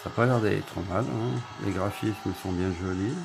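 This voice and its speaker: A man casually reviewing a budget phone at home, talking in a relaxed, rambling way with lots of fillers. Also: deep voice, normal speed, gravelly, over music. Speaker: tech reviewer.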